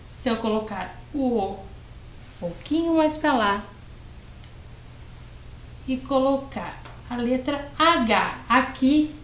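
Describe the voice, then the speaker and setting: A Brazilian woman teaching a lesson to young children, drawing out syllables slowly and patiently. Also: high voice, roomy sound, rough recording. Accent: Brazilian Portuguese. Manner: stretches words and syllables, patient and encouraging. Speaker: primary school teacher. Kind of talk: slow, clearly spelled-out lesson for young children.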